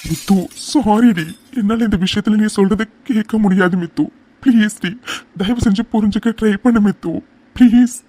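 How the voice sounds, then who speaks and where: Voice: mid-range voice, fairly even intonation, moderate pace, dark tone, natural voice. A performer voicing a stubborn, devoted young man who insists earnestly in a cartoon. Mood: determined.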